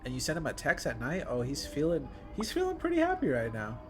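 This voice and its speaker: A gaming streamer reacts to a visual novel, giving casual, slangy fan commentary as he plays. His voice sits fairly high and swoops wildly in pitch, and he talks fast. Music plays clearly behind him.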